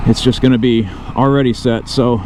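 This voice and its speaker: Man, mid-pitched voice, casual motovlog chat, thinking aloud, loud vehicle noise, outdoors. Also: level tone, moderate pace. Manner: talks to himself and viewers, thinking aloud. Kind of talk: casual off-the-cuff vlog narration while riding. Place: outdoors on a motorcycle.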